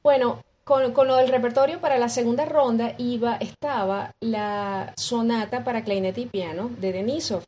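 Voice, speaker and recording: A Venezuelan woman with a Venezuelan accent, a guest musician recounting her story in an interview with lively acted-out dialogue and frequent restarts. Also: fairly high pitch, normal speed, hardly any pauses, dull audio, a little hiss or hum. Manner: expressive, acts out quoted dialogue with many restarts.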